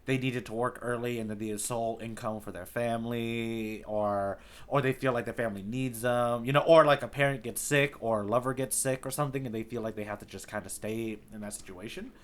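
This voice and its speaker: This man co-hosts a podcast, chatting casually about a manga arc while rambling through his thoughts and frequently saying "like." His voice sits in the middle range with fairly even intonation, moving a little fast and barely pausing.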